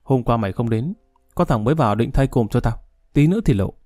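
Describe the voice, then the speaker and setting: Curt, vengeful male convict in a storybook reading, mellow low voice, as a male narrator reads him. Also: animated, fast, dry recording, studio quality, soft background music, lightly acted. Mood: bitter. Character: hardened male death-row prisoner, bitter.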